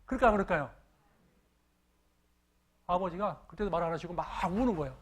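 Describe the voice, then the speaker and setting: A pastor telling a sermon story in an animated way, often asking the congregation questions. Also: male voice, sits high, fairly quick, breathy edge.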